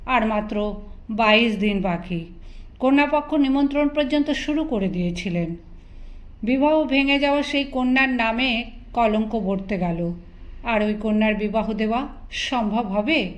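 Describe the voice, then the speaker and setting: A woman storyteller giving a measured, expressive scripted narration of a novel. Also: high voice.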